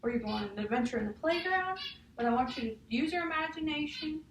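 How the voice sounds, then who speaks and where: During a read-aloud, a woman teacher talks through a picture book with a child in a high, animated, fast voice. Guiding the child along, she often finishes statements with a questioning "huh?" to check agreement. A distant mic gives a roomy sound with faint background noise.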